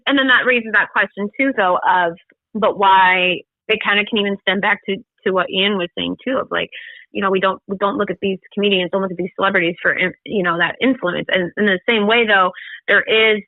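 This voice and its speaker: This woman from the United States co-hosts a podcast, speaking briskly in a mid-range voice with fairly even intonation, yet earnest and emphatic in the casual discussion. The recording is dry, coming through a thin, phone-like line.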